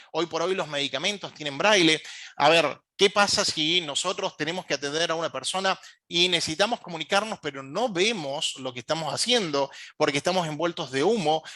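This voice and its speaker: A man with an Argentine accent lectures as an emergency communication instructor, his voice pitched high and bright. He hesitates often on short fillers and keeps checking in with listeners. The recording is dry and close, with no room sound. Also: no echo. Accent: Argentine Spanish. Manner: asks the audience frequent check-in questions.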